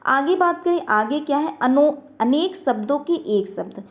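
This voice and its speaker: A woman's voice: high voice, lively intonation, measured pace. A woman teaching an online grammar lesson, asking questions and answering them herself, repeating each word.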